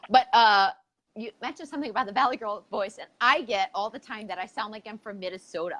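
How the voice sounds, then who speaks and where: A woman's voice: mid-range voice, fast talker, fairly bright tone. A woman hosting a casual interview, informal and jokey, with plenty of filler words. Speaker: podcast host.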